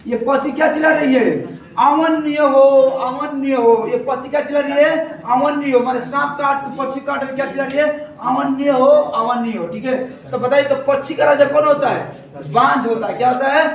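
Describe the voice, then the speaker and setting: A male teacher, giving a classroom lesson in call-and-response style, repeating key words slowly. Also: very high voice, muffled recording. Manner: asks and answers his own questions, repeats key words slowly. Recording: very echoey room, distant from the mic, faint noise.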